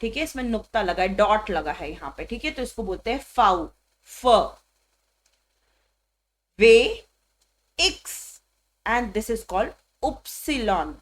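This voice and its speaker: A woman teaching a beginner language lesson, spelling out letters one by one in a slow, patient way. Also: mid-range voice, expressive.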